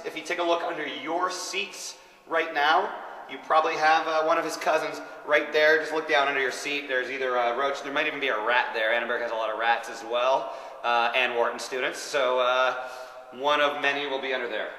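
A man's voice: medium pitch, steady tone, a little fast, sharp tone. A man in his thirties reporting live from backstage, ad-libbing as a correspondent. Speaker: backstage pre-show correspondent. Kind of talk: ad-libbed live event reporting. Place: cluttered backstage storage room. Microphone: handheld mic. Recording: echoey backstage room.

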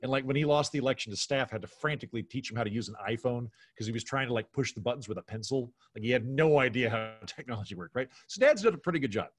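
A middle-aged man appears as a guest on a podcast over a video call from his bedroom at home, chatting casually and telling funny anecdotes with lots of animation. He acts out the back-and-forth exchanges in his stories, talking fast at a medium pitch with few pauses.

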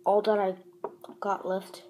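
A woman's voice: medium pitch, level tone, slow, mellow, slight background noise, rough recording. A woman chatting casually in a home vlog, talking while she eats breakfast. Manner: chatty, talks while eating. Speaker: vlogger.

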